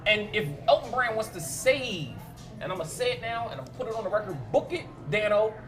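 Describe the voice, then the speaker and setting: A man talks quickly and forcefully as he argues his sports takes. His opinions come out blunt and emphatic, and music plays clearly behind him in a live bar setting. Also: high-pitched, lively intonation. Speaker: sports talk co-host. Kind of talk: casual sports debate.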